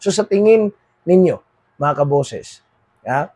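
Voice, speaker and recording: A Filipino man with a Filipino accent hosting a political commentary monologue, moving between read English lines and Tagalog and dropping quieter at the end of phrases. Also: fairly high pitch, animated, takes it slowly. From Philippines. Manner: switches between read English and Tagalog, repeats "mga kaboses, mga kababayan"; trails off quieter at phrase ends.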